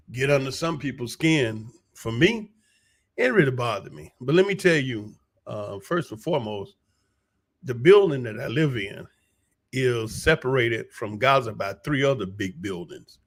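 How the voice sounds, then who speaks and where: An American vlogger gives viewers a personal update in a halting, unhurried, folksy monologue, recorded in a small room at home, a bomb shelter he uses as a studio. He talks slowly in a hoarse, medium-pitched voice with a fairly bright tone.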